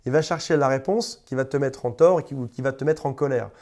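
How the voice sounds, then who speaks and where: A man coaching his viewers directly, his voice sitting at an ordinary middle pitch. He talks informally and conversationally, repeating words as he goes and now and then slipping into short quoted exchanges. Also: fast, a little mellow. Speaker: relationship coach. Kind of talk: direct-to-camera coaching advice.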